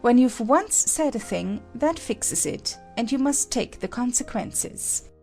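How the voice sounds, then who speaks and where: A woman playing an imperious, snappish Red Queen in a dramatized storybook, brisk, bossy and quick to contradict. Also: fairly high pitch, animated, darkish tone, faint music behind. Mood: haughty, bossy. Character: imperious, snappish Red Queen, a haughty chess-piece monarch. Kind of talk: dramatized audiobook acting.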